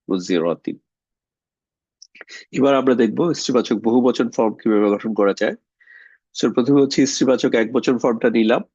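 A man teaches an online grammar lesson, working patiently through each step and filling pauses with small words. The recording is dry and dull, as if from a cheap close mic. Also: lowish voice, a little mellow, no echo. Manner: explains step by step with frequent filler words.

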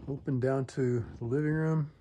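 A man's voice: medium pitch, fairly even intonation, normal speed, dark tone, slight background noise. A man walking through a home as a real estate agent, listing features in short, clipped phrases. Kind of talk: property walkthrough narration. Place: indoors, walking through a wooden townhome.

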